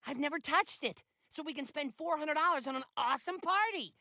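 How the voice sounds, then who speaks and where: A voice actor playing an eager, dramatic nerdy teenage boy in an animated sitcom. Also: high voice, a little fast, no echo, studio quality. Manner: excitable, theatrical outbursts. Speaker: cartoon character.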